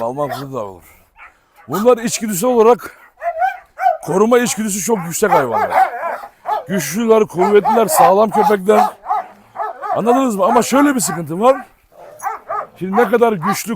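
High-voiced man vlogging among his dogs. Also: heavy background noise. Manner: affectionate baby talk to dogs, sharp commands. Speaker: dog breeder vlogger. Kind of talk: casual vlog talk to camera and dogs. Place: outdoor yard with dogs. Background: dogs barking.

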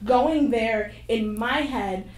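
A young woman on a panel, telling a candid personal story with animated, frank delivery into a handheld mic on a stage. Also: a little high, slow. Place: stage of a screening room with an audience. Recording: echoey hall from far off, faint noise.

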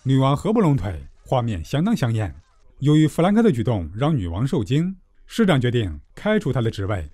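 A man giving a scripted, comedic movie recap narration with tongue-in-cheek, deadpan joking. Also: mid-range voice, fairly quick, dry recording, studio quality.

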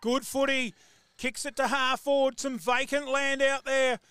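An Australian man calling live football play-by-play, excitable and rising to shouts on big plays. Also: very high-pitched, unhurried, clean tone, no echo. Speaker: football commentator.

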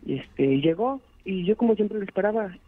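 A man's voice: sits high, expressive, a little fast. Caller: man, rambling storyteller, heard through a tinny phone line. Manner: rambling, many "este" fillers. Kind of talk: telling a true scary story.

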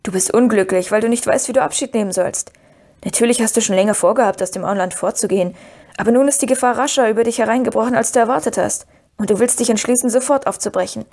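Woman reading as Merry, calm shrewd hobbit. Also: a little high, fast. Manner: calm, decisive, knowing. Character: calm, shrewd young male hobbit friend.

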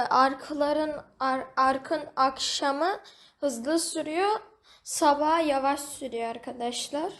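A woman giving casual, chatty commentary over her gameplay, talking to the game animal and to her viewers. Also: high voice. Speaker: gaming video host.

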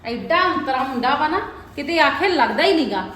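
A woman playing a nagging, sharp-tongued mother in a family skit. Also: high-pitched, expressive, faint music behind. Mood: scolding. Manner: nagging, rapid-fire scolding. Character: sharp-tongued scolding middle-aged mother. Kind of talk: comic family skit acting. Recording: very echoey room.

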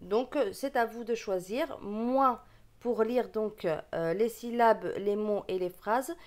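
This woman, a reading teacher, has a fairly high, darkish voice and a regional French accent. She takes her time in a slow beginners' reading lesson, breaking words into syllables and repeating each one with patience.

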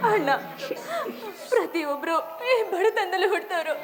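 A woman's voice: extremely high pitch, a little slow, loud music behind the voice. A woman playing a poor young sister who speaks in a tearful, sorrowful, declamatory way in a village stage drama.

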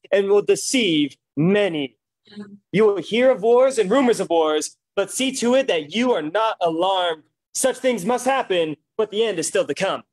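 High-voiced man preaching at a pulpit microphone. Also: no room sound. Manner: reads scripture aloud, then comments with emphatic exclamations. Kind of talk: sermon with scripture reading.

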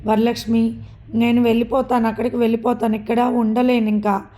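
A woman voicing a distraught middle-aged mother who pleads through tears, in a flat, mellow voice. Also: on the high side, brisk, natural voice. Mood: pleading. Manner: pleading, weeping.

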